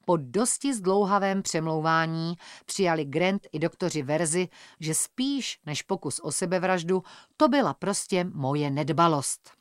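A woman reading a first-person audiobook in a measured, tense storytelling manner. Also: on the low side, animated, no room sound, clean studio sound. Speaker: audiobook narrator. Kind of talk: scripted first-person narration.

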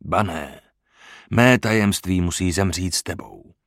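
A man's voice: low voice, no room sound, clean studio sound. A man voicing a cold, commanding pirate captain in an audiobook, speaking in a grim, menacing tone.

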